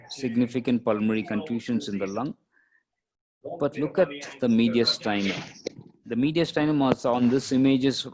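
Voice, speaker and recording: A radiologist gives a lecture, walking through case images step by step in a halting, explanatory manner. His voice is mid-range with a somewhat dark tone.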